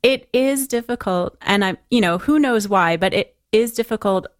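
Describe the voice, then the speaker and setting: A woman's voice: mid-range voice, normal speed, dry recording, studio quality. A woman chatting candidly as a podcast guest, laughing often. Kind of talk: casual podcast chat.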